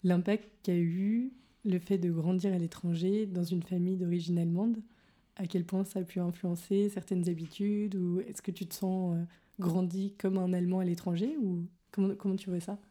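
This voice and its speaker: Female interviewer, warm low tone, long curious follow-up questions. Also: steady tone, normal speed. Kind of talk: interview conversation.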